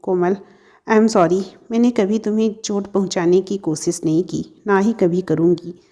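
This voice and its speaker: A woman voicing a hurt but composed young heroine who answers quietly and firmly in a storybook reading. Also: medium pitch, steady tone, moderate pace, lightly acted. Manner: quiet, firm.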